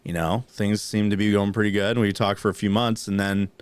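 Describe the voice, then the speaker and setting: Brisk and smooth, this man's lowish voice keeps a level tone with no echo. As podcast co-host he spins a long, casual story before reading news items, talking in a rambling, profane style packed with fillers and restarts.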